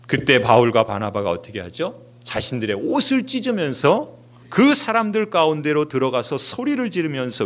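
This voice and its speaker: Man, middle-aged, pastor, sermon, raised pitch, animated delivery, rhetorical questions.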